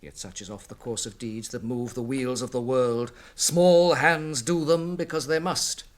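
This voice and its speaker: A male actor with a British accent voices an ancient, solemn and wise elf lord for a fantasy radio drama, speaking in formal, weighty oratory. His mid-range voice stays steady at a measured pace and sounds close to his everyday voice.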